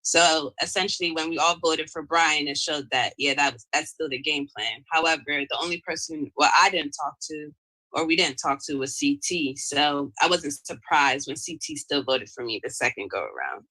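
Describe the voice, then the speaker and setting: A man's voice: a little high, lively intonation, normal speed, few pauses, sharp tone, poor audio. A man, a former contestant, explaining his game on a casual video call and correcting himself as he goes.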